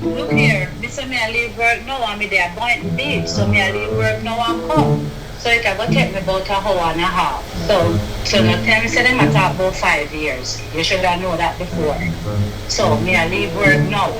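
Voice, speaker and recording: A Jamaican woman heard through a phone call on speaker, her voice echoey and roomy. She talks briskly and scolds, with loud music playing behind her. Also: mid-range voice. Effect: heard over a phone call on speaker. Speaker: caller's mother.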